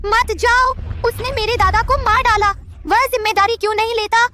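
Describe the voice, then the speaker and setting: Dub role: a frantic young woman bent on revenge, very high pitch. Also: steady tone, normal speed, sharp tone, faint music behind. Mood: accusing. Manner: frantic, accusing. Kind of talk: dubbed drama dialogue.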